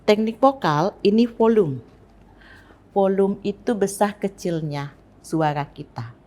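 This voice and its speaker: A woman from Palembang teaching recitation technique, speaking slowly and deliberately and demonstrating sentence intonation. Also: low-pitched, dark tone. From Palembang, Indonesia. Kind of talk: instructional lesson on recitation technique.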